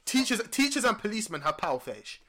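Young male London roadman storyteller, early twenties, slangy and repetitive, with a lively, highish, bright delivery. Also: quick pace. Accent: London roadman, multicultural London English. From London, born in or brought from Nigeria. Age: early 20s. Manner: heavy London street slang, repeats phrases for emphasis. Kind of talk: casual chat, animated storytelling.

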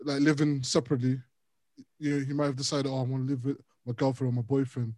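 Speaking at a quick pace with a medium-pitched voice, a young man co-hosts a podcast where he chats casually and animatedly tells stories. The recording has no room sound, and he laughs a lot.

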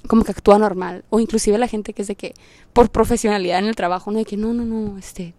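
A young adult woman with a Mexican accent, telling a personal story on her podcast in an expressive, slangy way with English phrases mixed in. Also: medium pitch, quick pace, no room sound. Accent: Mexican Spanish. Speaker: podcast host. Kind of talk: casual storytelling monologue.

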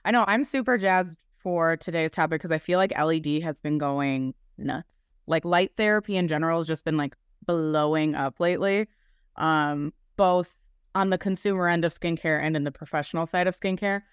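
A woman's voice: deep voice, moderate pace, clear, resonant tone, dry recording, clean studio sound. A woman hosting a podcast in a casual, chatty way, with informal phrasing peppered with "like". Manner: informal, frequent "like" as filler. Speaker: podcast host.

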